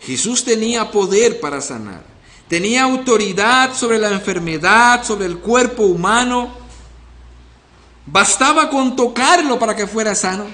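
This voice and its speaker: A man's voice: sits high, pushed and bright, roomy sound. A male pastor preaching an expository sermon, earnestly questioning the congregation. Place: church.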